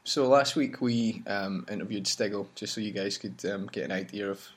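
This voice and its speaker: A campaign leader hosting a vlog chats casually about his campaign travels in a fairly low, breathy voice at normal speed. He rambles and restarts frequently.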